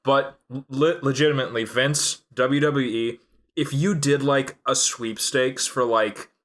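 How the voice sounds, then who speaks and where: A man's voice: mid-range voice, fairly even intonation, unhurried, fairly bright tone. A man co-hosting a casual wrestling podcast, joking and telling stories with laughs. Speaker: podcast co-host.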